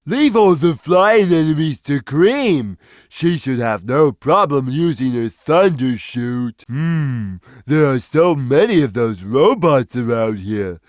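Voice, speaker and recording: An actor playing a big, gentle, simple-minded cartoon cat in a video game, speaking in a slow, earnest, friendly way. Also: male voice, a little high, no echo, clean studio sound. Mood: easygoing, advising. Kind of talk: video game character lines.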